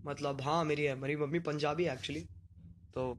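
Young male live streamer, slight Punjabi accent, slightly high voice, playful joking chat with viewers. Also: steady tone, moderate pace, a little hiss or hum. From Delhi region, India.

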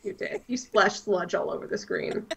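A woman's voice: medium pitch, sing-song, normal speed, creaky, heavy background noise. A woman co-hosting a game stream, reading instructions aloud and teasing with laughter. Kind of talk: casual game stream chat.

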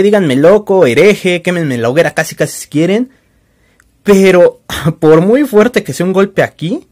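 Lively, chatty Mexican man. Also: a little high. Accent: Mexican Spanish. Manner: chatty, joking, self-deprecating. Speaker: toy-collecting channel host. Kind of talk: casual show-and-tell vlog.

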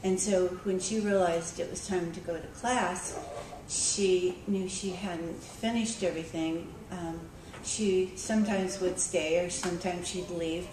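Speaking in an echoey conference hall, a school librarian tells a story as part of her talk, with frequent ums and restarts in a conversational manner. Her voice is on the low side and fairly even, a little slow, with hardly any pauses. The recording is distant and carries background noise.

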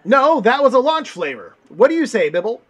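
A man's voice: very high-pitched, big pitch swings, fairly quick. A man hosting a puppet comedy game show with a bombastic showman manner. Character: orange furry host puppet.

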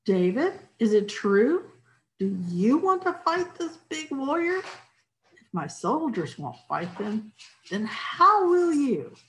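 A puzzled king, as a woman puts him on, asks question after question in surprise. The voice rises high and sits above the narration. It is read aloud slowly, like a storybook. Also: big pitch swings, a bit bright, slight background noise, exaggerated voice. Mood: incredulous. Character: puzzled older king, a man of rank.

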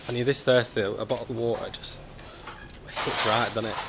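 A man's voice: medium pitch, fairly even intonation, normal speed, creaky. A man chatting casually to camera as a travel vlogger, colloquial and matey, with mild swearing. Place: outdoors on rural roads and temple grounds. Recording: outdoor ambient and motorbike noise.

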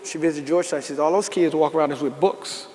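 A man's voice: on the high side, steady tone, fast talker. A man preaching a sermon as pastor, folksy, calling out to the congregation and rising into emphatic bursts. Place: large church sanctuary. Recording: echoey church hall with faint noise.

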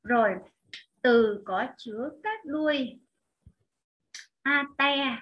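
High-voiced Vietnamese woman teaching English. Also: measured pace, highs cut off. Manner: explains step by step, addresses students directly. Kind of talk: recorded online lesson.

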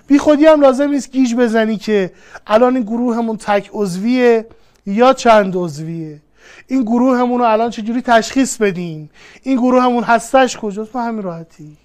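A woman teaching a grammar lesson online, patiently repeating each rule and working through examples one by one. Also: on the high side. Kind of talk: online lesson, explaining step by step.

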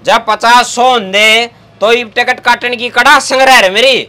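A man's voice: extremely high pitch, steady tone, unhurried, pushed and bright, clear, resonant tone, exaggerated voice. A young man with a Haryanvi accent playing a brash, sarcastic bus conductor who scolds and mocks in a comedy sketch. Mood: mocking, irritated. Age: young adult. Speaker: comic actor. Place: inside a parked bus.

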